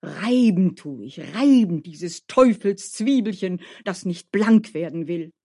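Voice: medium pitch, expressive, takes it slowly, darkish tone. A storyteller voicing a careful, gloomy male gardener who warns and grumbles, in a storybook reading. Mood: grumbling. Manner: warning, grumbling.

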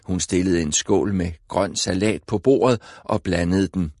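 A man narrating an audiobook in a measured, even storytelling manner on a close mic. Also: deep voice, dry recording. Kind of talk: scripted narration.

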